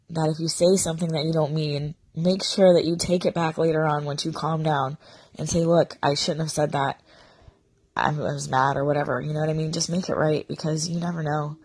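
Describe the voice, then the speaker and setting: Casting: middle-aged female vlogger with a lost, sore-throated voice, raspy whisper, low and gravelly, halting and heartfelt in confession. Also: a little mellow, no room sound. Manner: halting, subdued, sincere. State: sick with sore throat, voice almost gone. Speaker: vlogger addressing followers. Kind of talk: confessional casual monologue.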